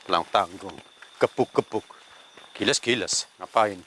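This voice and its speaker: A man's voice: lowish voice, measured pace, background noise. A man narrating a ghost-hunting vlog outdoors among banana trees, murmuring prayers and challenging unseen spirits. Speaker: paranormal investigator.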